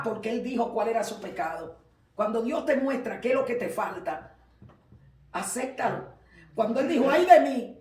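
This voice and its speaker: Fervent male preacher in a roomy church. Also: very high-pitched. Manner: emphatic, fervent preaching that swells to shouts. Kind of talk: sermon. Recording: roomy, from far off the mic.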